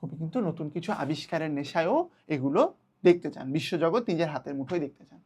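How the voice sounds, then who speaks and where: A young woman teaching an online class to children, patient and repeating key words slowly. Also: low-pitched, expressive, darkish tone, a little hiss or hum.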